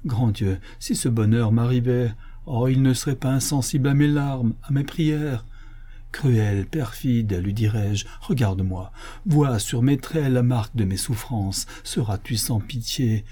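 A man's voice: mid-range voice, unhurried, dark tone, breathy edge. A man voicing a gluttonous older canon who wails over lost meals, in an audiobook reading. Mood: desperate. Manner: anguished, theatrical lamenting. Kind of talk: audiobook reading of a classic novel.

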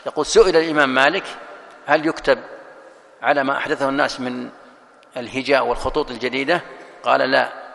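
A man's voice: mid-range voice, steady tone, fast, vocal fry, pauses often, fairly bright tone, in a large hall. A sheikh lecturing on a religious text, explaining it point by point and asking and answering his own questions.

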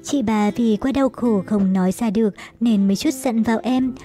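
A woman's voice: fairly high pitch, moderate pace, warm tone, faint music behind, lightly acted. A woman voicing a caring, anguished eldest sister from a storybook, pleading and tender with her younger siblings.

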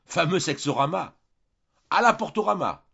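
A man's voice: a little high, moderate pace, gravelly, husky, pitched above the performer's own voice. A man voicing a joking, mocking young painter in an audiobook, in a comic teasing tone. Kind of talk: audiobook character voice. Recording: muffled lo-fi recording.

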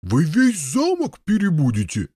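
Grumbling old knight, husky and blustery, big swoops in pitch, as a male reader does him. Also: wildly swooping pitch, measured pace, dark tone, dry recording, studio quality, exaggerated voice. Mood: huffy. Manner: blustering, huffy protests. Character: gruff elderly Norman knight, grumbling and stubborn. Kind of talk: audiobook character voice.

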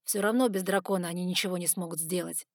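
A blunt, gruff fire dragon chief, as a woman reads him out gives orders in a storybook audiobook. His voice sits at a middling pitch and the recording is dry and close. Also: steady tone, quick pace, dry recording. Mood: commanding.

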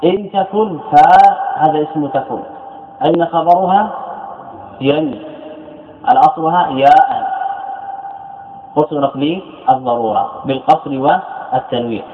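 A man's voice: a little high, unhurried, long pauses. A male scholar giving a classroom lecture, explaining a verse text and repeating each example word several times. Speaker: Islamic scholar teaching grammar. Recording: echoey hall on a tinny lo-fi line with faint noise.

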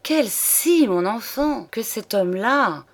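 A woman's voice: fairly high pitch, animated, takes it slowly, voice pushed up, heavily acted. Juliette, a wilful young mistress, voiced by a woman. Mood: scornful. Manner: coaxing, then sharp and threatening.

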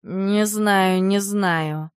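Audiobook role: jealous grumbling werewolf husband, gruff and exasperated, read by a woman. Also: sits high, steady tone, very slow, dry recording, studio quality. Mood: softened. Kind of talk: audiobook character reading.

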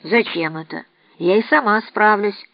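A woman voicing a weary, bitter old woman who talks low, grim and blunt, in an audiobook reading. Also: measured pace, gravelly, no room sound. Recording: dry, slightly dull recording.

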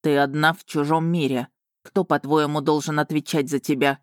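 Woman doing a low slow dragon guy, gruff and teasing, dry close sound. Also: little pitch movement, no room sound, close to an everyday voice. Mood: steady, commanding. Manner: low, slow, mocking delivery. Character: gruff male dragon guardian, teasing, self-assured.

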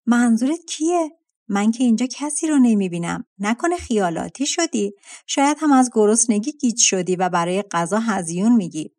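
A woman voicing a clever young girl in a fairy-tale audiobook, soft and pleading as she calms a monster. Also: on the high side. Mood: coaxing.

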